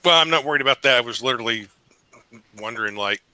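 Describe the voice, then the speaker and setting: Bright-voiced man pressing for details. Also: mid-range voice, fast talker, clean tone, no room sound. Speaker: player. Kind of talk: casual tabletop play.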